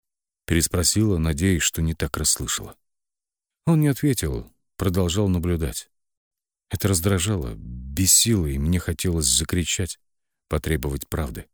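A man's voice: extremely low pitch, lively intonation, normal speed, dry recording, clean studio sound. A man reading a first-person audiobook with tense, emotive narration.

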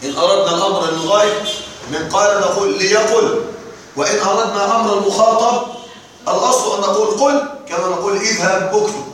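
A man's voice: sits high, fairly even intonation, quick pace, a bit bright. A man teaching a classroom lesson on grammar verse, explaining step by step and often checking that the class is following. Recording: echoey room, distant mic, faint noise.

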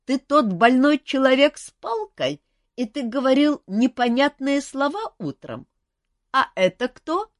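A woman's voice: high voice, sing-song, no echo, clean studio sound, voice pushed up. A woman voicing a curious, childlike female dragon who speaks in broken sentences. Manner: broken grammar, slow wondering questions.

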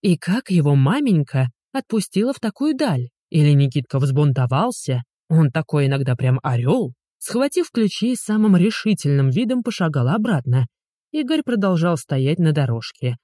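A narrator reading a story in lively, expressive scripted narration. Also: mid-range voice, normal speed, dry recording, clean studio sound.

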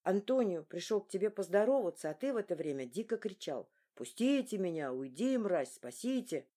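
A woman voicing a brisk, grumbling male masseur who fusses over his friend. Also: mid-range voice, very animated, mellow. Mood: worried.

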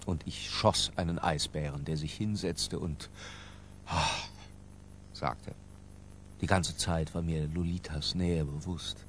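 In a radio play, an actor voices an obsessed, middle-aged European intellectual reading from his diary. His delivery is low, measured, erudite and disdainful, with a little hiss or hum in the recording.

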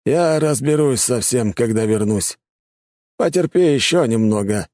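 A man voicing an old, powerful grand prince in an audiobook, speaking slowly and thoughtfully. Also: mid-range voice, animated, a little mellow, dry recording, clean studio sound, pitched above the performer's own voice, lightly acted. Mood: measured. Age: older. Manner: slow, weighty and thoughtful. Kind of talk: audiobook character voice.

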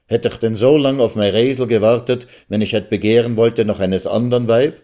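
A man's voice: medium pitch, steady tone, normal speed, dark tone, natural voice. A man voicing a wry, simple old village groom in homely speech.

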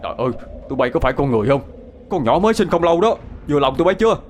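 A man's voice: lowish voice, brisk, a little mellow, a little hiss or hum, close to an everyday voice. A man voicing a stern middle-aged village uncle who reasons with and scolds an angry crowd. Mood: outraged. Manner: reasoning, then scolding a mob.

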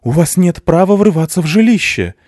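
A man voicing an angry, well-off father in an audiobook, shouting indignantly. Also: high voice, animated, fairly quick, dry recording, clean studio sound, pitched above the performer's own voice.

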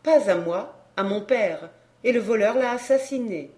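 A woman's voice: fairly high pitch, lively intonation, measured pace, darkish tone. A woman voicing an earnest young woman in an audiobook, asking pressing questions. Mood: eager. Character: earnest young woman seeking her father's killer. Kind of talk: audiobook character reading.

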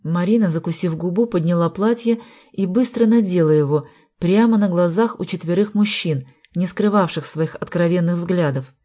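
Low-voiced woman narrating an audiobook. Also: normal speed, warm tone. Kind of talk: scripted narration.

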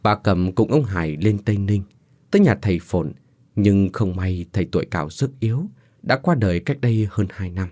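A man narrating a horror story with an expressive delivery, voicing every character himself. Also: deep voice, normal speed, dry recording, studio quality.

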